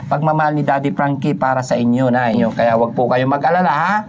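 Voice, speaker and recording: Guy vlogger giving out cash, keeps saying dont cry, voice goes way up, bit of outdoor noise. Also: a little fast. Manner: coaxing and repetitive, voice rising high when comforting. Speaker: charity vlogger handing out aid. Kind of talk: casual comforting talk.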